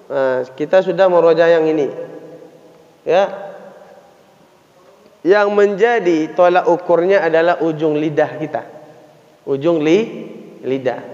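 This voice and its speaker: A man with a high voice teaches a class at an unhurried pace, patiently repeating each letter sound. He is recorded in a mosque hall with a long echo and a dull, lo-fi sound. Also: darkish tone. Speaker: Quran recitation teacher.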